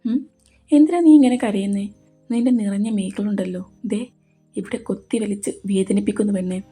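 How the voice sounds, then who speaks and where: A woman voicing a young man who is gruff but tender, speaking softly and reassuringly to his beloved in a romantic audio story. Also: mid-range voice, steady tone, normal speed, soft background music, natural voice. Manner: soft, reassuring, calls her "girl".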